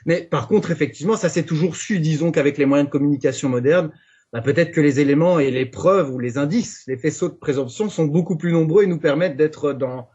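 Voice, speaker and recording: A man's voice: fairly high pitch, fairly quick, dark tone, slightly rough. A man from Belgium, arguing his point on a football debate show, stumbling over restarts before pressing on. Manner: hesitant restarts, then firm arguing. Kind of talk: debate talk. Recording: dull lo-fi sound.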